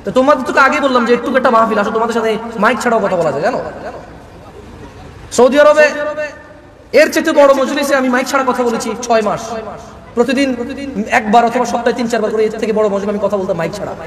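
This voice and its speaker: Male preacher, scolding and restless, very high and quick, heard distant and roomy over a PA. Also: slight background noise. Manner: restless, loud and high-voiced, scolding the crowd. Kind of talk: sermon at a religious gathering. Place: large religious gathering, amplified on a mic. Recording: echoey PA sound from far off.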